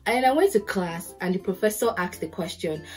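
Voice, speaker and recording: Speaking a little fast in a lowish voice with a Nigerian accent, a young woman from Nigeria offers casual advice to the camera in her curtained bedroom. The podcast host and lawyer tells lively stories and acts out quotes as soft music plays.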